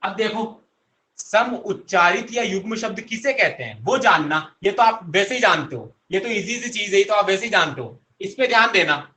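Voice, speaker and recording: Bright-voiced male teacher, echoey room. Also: high voice, expressive, normal speed. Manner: repeats questions and answers them himself; coaxing, addresses students directly. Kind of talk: online Hindi grammar class.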